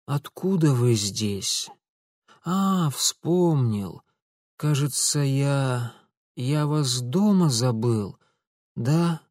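A reader doing an exhausted, hoarse young man. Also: on the high side, sing-song, slow, warm tone, no echo, studio quality, voice pushed up, heavily acted. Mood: weary.

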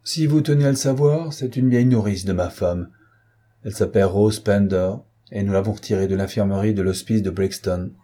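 A man's voice: lowish voice, a little fast, warm tone, lightly acted. A man reading an audiobook who voices a blustering, indignant middle-aged man with a mocking, rising delivery. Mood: sneering.

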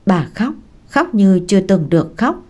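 A woman narrating a story in a steady, expressive audiobook reading. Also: mid-range voice, normal speed.

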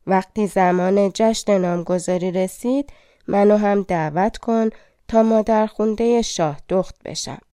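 A woman voicing an old limping fortune-teller, a fairy in disguise, in a storybook reading, speaking in a gentle, coaxing and mysterious way. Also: medium pitch, smooth, no echo, clean studio sound, close to an everyday voice. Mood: instructing. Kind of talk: audiobook fairy tale reading.

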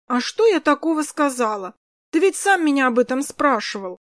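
A woman voicing a lively, chatty little girl in an audiobook, with a high, bright childish voice. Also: normal speed, no room sound, studio quality, natural voice. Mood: eager. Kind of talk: audiobook character voice.

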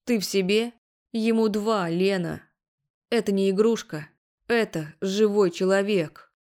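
A woman voicing an angry, protective middle-aged father who talks gruffly and threateningly, in an audiobook. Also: medium pitch, a little slow, a little mellow, natural voice. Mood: indignant.

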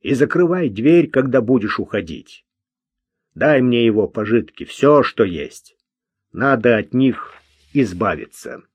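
A man's voice: mid-range voice, lively intonation, a little slow, husky, dry recording, highs cut off. A man voicing a nervous, irritable man who gives curt orders, in an audiobook. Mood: commanding. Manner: curt and commanding.

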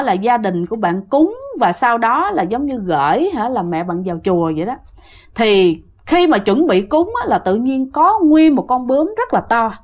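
A woman telling a ghost story in casual spoken style, talking straight to the listener with many fillers. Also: a little high. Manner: addresses the listener directly, many fillers like "á" and "nha".

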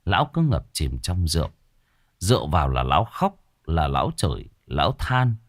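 A man narrating a horror story in a dramatic, expressive way, recorded on a close mic. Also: rumbling low, moderate pace, dry recording.

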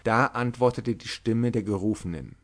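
A man narrating a literary novel aloud in a measured, dramatic storytelling manner. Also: on the low side. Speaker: audiobook narrator.

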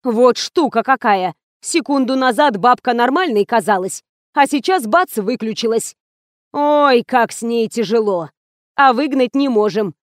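A harried, excitable theatre administrator with a slightly high voice, as a woman reader voices her. She sounds worn out and rushed, recorded dry and close for an audiobook. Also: no echo. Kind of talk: audiobook character reading.

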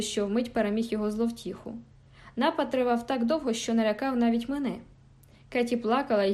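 Woman audiobook narrator, measured and expressive, slightly high voice, faint music bed. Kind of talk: scripted literary narration.

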